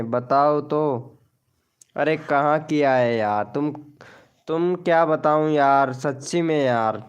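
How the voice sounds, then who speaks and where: Young man, live-stream host, fairly high voice, unhurried, casually greeting chat viewers. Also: darkish tone, clean tone, highs cut off. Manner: chatty, greets viewers by name and reads out chat.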